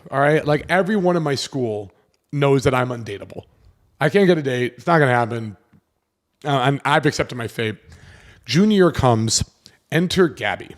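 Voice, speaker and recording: Young male podcast host from South Florida, casual storytelling, animated, foul-mouthed. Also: mid-range voice. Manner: animated, swears freely, acts out his younger self.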